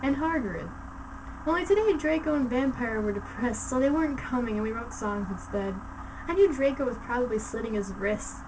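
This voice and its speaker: A woman's voice: on the high side, lively intonation, moderate pace, far from the mic. A woman giving a hammy, theatrical reading of fan fiction, with mocking asides. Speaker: story reader. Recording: off-mic, faint background noise.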